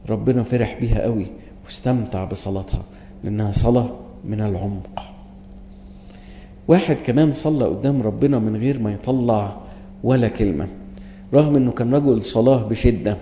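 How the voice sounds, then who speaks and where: An earnest Egyptian preacher delivers a sermon in a deep, mellow voice, reading scripture and then explaining it in everyday speech. He repeats his main lines slowly for weight. The sound is dull and muffled, with a long echo from a large hall. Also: a little hiss or hum. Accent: Egyptian Arabic. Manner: earnest, reads scripture aloud and restates it plainly; repeats key phrases slowly for emphasis.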